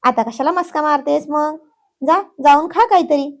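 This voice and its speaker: A woman's voice: high-pitched, normal speed, pitched above the performer's own voice. Woman voicing a young man, exasperated, teasing, scolding, patient.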